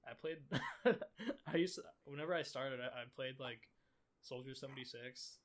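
A man's voice: mid-range voice, moderate pace. Young man rambling through laughing stories. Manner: rambling, laughs a lot while telling stories. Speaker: podcast co-host. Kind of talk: casual chat.

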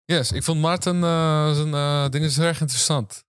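A young man hosting campus interviews, chatting in a relaxed, rambling way with many fillers. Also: a little high, normal speed, clean tone, dry recording, studio quality. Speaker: host and interviewer. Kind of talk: casual chat. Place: outdoors on a university campus.

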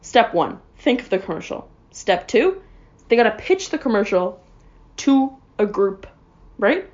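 A woman's voice: on the high side, very animated, unhurried, darkish tone, lo-fi sound. A young adult woman in a casual comedic rant, sarcastic and rambling, full of "like" and "um". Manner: sarcastic, rambling, heavy on fillers.

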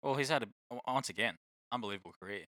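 A man's voice: medium pitch, rapid-fire, sharp tone, dry recording, clean studio sound. A man with an Australian accent co-hosting a casual sports chat in matey, slangy talk.

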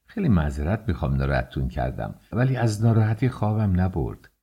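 A man reading an audiobook, voicing a timid, flattering middle-aged innkeeper in a low voice. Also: gravelly, slightly rough, muffled recording, heavily acted. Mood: nervous. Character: nervous fawning male innkeeper, middle-aged.

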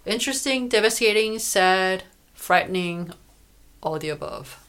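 A woman's voice: medium pitch, animated, unhurried, a bit bright, clear, resonant tone. A woman from South Korea, co-hosting a podcast in casual chat, talking in a chatty way with many fillers. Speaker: podcast co-host.

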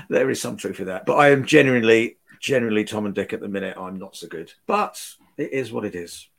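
A man's voice: lowish voice, fast, creaky, hardly any pauses, fairly bright tone. A British man hosting a podcast in casual chat, droll and mock-stoic while under the weather with a cold. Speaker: podcast host.

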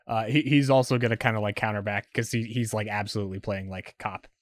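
A man narrating as game master, halting and filler-heavy. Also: on the low side, fairly even intonation, dry recording. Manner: halting, full of fillers and "kinda".

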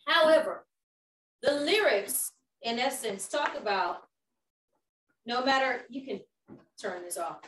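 A woman's voice: on the high side, lively intonation, slow, long pauses, a bit bright. A woman leading an informal youth group talk, preaching emphatically and putting questions to the group. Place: indoor room with a small group around a table. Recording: roomy, distant mic, faint background noise.

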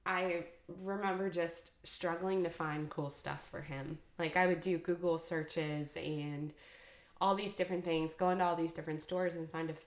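A woman's voice: on the low side, steady tone, normal speed. A woman co-hosting a podcast in a casual, chatty way, laughing often between her phrases. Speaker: podcast co-host and brand founder. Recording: echoey room.

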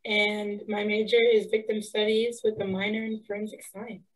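A twenty-one-year-old woman from Texas co-hosting a casual podcast chat, speaking in a measured way. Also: mid-range voice, level tone, poor audio. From Texas, USA. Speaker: podcast co-host. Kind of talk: casual chat among friends.

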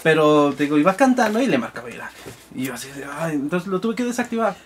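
A Mexican man with a fairly high voice rambles through a casual gear chat, stopping often on fillers. There is a faint hiss behind him. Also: very animated, fast. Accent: Mexican Spanish. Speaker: podcast co-host.

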